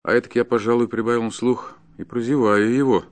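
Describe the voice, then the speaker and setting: A man voicing a gruff, stern forest guard who speaks in curt, commanding bursts, louder and higher than his reading voice. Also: steady tone, a little fast, lightly acted.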